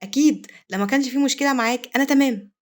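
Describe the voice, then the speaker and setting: A woman voicing a gentle, naive young noble wife in her Egyptian Arabic accent, brisk and slightly bright. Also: high voice, pitched above the performer's own voice, natural voice. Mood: agreeable.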